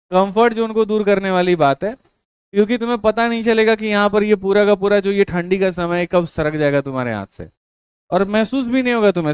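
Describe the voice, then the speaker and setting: A man's voice: sits high, darkish tone, clean tone, no room sound. A man giving colloquial motivational study advice to exam students, repeating his points and calling them brother.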